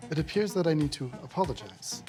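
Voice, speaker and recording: A sentient machine from a tabletop adventure, voiced by the game master, calm and apologetic. It speaks in formal, measured phrases at a middling pitch, with music behind. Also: lightly acted.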